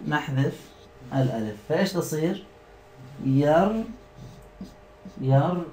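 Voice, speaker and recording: A male teacher leading a classroom lesson, repeating words slowly and quizzing his students. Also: on the high side, expressive, a little mellow, reverberant, a little hiss or hum.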